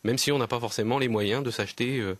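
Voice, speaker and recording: A man from Lower Normandy, a guest on a radio interview, explaining earnestly and hesitantly with many fillers and restarts. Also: fast talker. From Lower Normandy, France. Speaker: guest, land trust representative.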